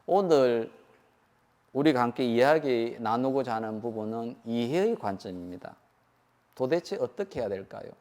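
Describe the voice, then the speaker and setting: A man's voice: mid-range voice, animated, normal speed, a little mellow, big-room sound. A man giving a Buddhist sermon. He keeps asking the audience questions and acts out the lines he quotes. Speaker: Buddhist monk preaching.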